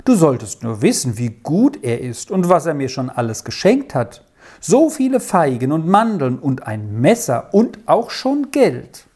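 A woman's voice: low-pitched, big pitch swings, unhurried, mellow, slightly rough, heavily acted. A woman voicing a cheerful, boastful young boy in a children's story, talking eagerly and persuasively.

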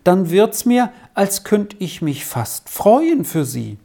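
A woman's voice: medium pitch, sing-song, takes it slowly, gravelly, warm tone, heavily acted. A woman doing a tearful grieving mother. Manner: plaintive, sobbing.

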